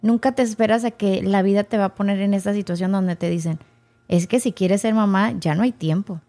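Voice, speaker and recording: Woman, lively storyteller, mid-pitched voice, voices the people in her story. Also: brisk. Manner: animated, acts out quoted dialogue. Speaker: guest sharing her story. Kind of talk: emotional personal storytelling.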